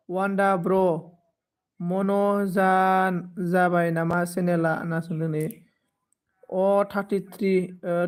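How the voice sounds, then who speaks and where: A man's voice: high voice, clear, resonant tone. A man in his twenties hosting a live stream, casually thanking viewers by name and consoling them. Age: 20s. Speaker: livestream host.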